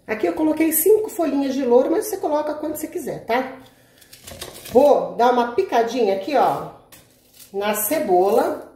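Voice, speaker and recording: This cooking channel host is a Brazilian woman with a high, dark-toned voice, lively intonation, and normal speed. Speaking off-camera into the camera mic in her echoey home kitchen, she teaches a home recipe with chatty ease. She keeps asking "tá?" and addressing everyone as "gente."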